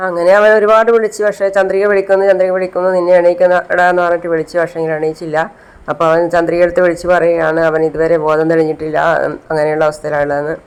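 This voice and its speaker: A man recaps a TV serial episode in a relaxed, spoken storytelling way. His voice sits a little high for a man and sounds smooth and clear. He talks steadily and plainly, with the odd hesitation sound. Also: rough recording. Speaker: channel host recapping a TV serial.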